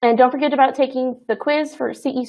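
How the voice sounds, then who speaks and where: A woman's voice: high-pitched, fairly even intonation, quick pace, a little mellow. A woman moderating a webinar, wrapping up with announcements and thanks in an upbeat, chatty way. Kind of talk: hosting announcements. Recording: dull lo-fi sound.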